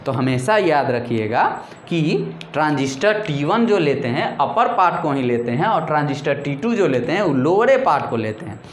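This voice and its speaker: A man's voice: fairly high pitch, big pitch swings, roomy sound, a little hiss or hum. A male teacher gives a classroom lecture, asking questions and answering them himself. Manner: drills terms slowly, stretching single words. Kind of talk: classroom lecture in mixed Hindi and English.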